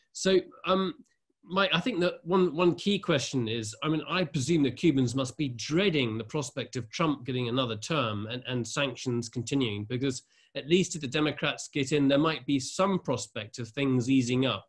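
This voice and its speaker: A man moderating a discussion panel. He frames his questions in a loose, hedging way with a few fillers. His voice has a middle pitch. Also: moderate pace, husky.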